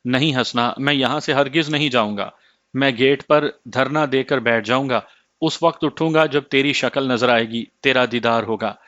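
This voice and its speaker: A man's voice: medium pitch, a bit bright, no room sound, lightly acted. A man reading the part of a remorseful estranged husband who pleads and implores, in a slightly muffled dry recording.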